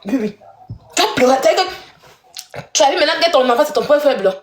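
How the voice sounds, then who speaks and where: A woman with a high voice tears into someone in a heated live-stream rant. Her tone is accusatory and scornful, laced with mocking laughter. The sound is roomy, with a clear echo around her voice. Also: lively intonation, brisk.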